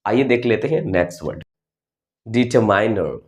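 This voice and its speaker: A man's voice: on the low side, animated, moderate pace. A man with an Indian accent teaching English pronunciation in a video lesson, saying each word twice.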